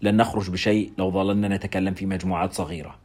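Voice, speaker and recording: A man's voice: fairly low pitch, big pitch swings, very fast, vocal fry, a little mellow, heavily acted. A man reading as a stern colony director, firm and curt.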